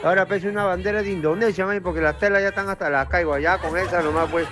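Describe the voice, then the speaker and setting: A man's voice: sits high, fairly even intonation, fast talker, a bit bright, faint music behind. A man leaving a joking voice message full of slang. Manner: jokey slang. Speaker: caller.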